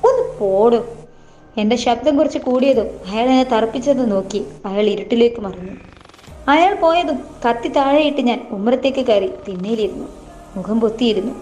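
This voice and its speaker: A woman reading a novel aloud in the first person, voicing every part herself in a plain, unhurried way. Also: fairly high pitch, animated, mellow, a little hiss or hum. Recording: dull lo-fi voice with faint music.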